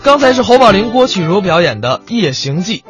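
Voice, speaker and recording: A male radio host who chats and jokes fast with his co-host. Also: high voice, sing-song, music in the background. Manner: fast, bantering. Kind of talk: joking radio chat. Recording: dull, dry radio studio.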